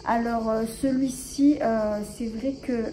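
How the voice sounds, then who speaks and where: Woman vlogging casually at home, lots of ums, soft mellow voice, bit of hiss. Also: fairly high pitch, fairly even intonation, slow, poor audio. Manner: hesitant, many fillers and restarts. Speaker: beauty vlogger. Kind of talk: casual show-and-tell vlog.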